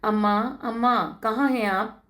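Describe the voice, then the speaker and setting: A woman's voice: a little high, fairly even intonation, unhurried, fairly bright tone, pitched above the performer's own voice. A woman voicing an affectionate young village woman back from college, in a read-aloud story.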